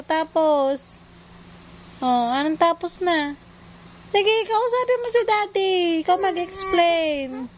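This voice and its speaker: A mother in a casual home video, coaxing her toddler with slow, playful questions. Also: very high voice, muffled recording, heavy background noise.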